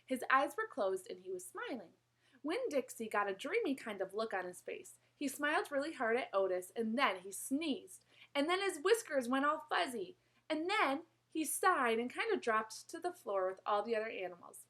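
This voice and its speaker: A woman reading a children's novel aloud in an expressive, animated storytelling manner, with small slips and corrections. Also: sits high, moderate pace, low-quality recording. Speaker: reader.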